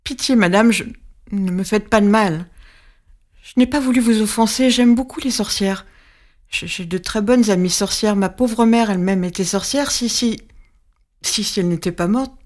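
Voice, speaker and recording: A woman's voice: lowish voice, steady tone, a little slow, close to an everyday voice. A woman voicing a flustered man in a storybook reading, stammering and pleading. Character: flustered tipsy man begging for mercy.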